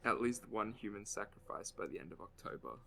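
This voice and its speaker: A man's voice: fairly low pitch, lively intonation, fairly quick, vocal fry, a bit bright, a little hiss or hum. An Australian man co-hosting a casual chat while drawing, with dry, jokey asides. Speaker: co-host.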